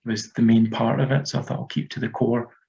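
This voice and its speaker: Scottish guy in his 30s, gravelly voice, kinda flat, rambly and hesitant, muffled lo-fi sound. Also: mid-range voice, brisk. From Scotland. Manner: rambling, hesitant, many fillers. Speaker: author being interviewed. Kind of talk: casual interview chat. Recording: dull lo-fi audio.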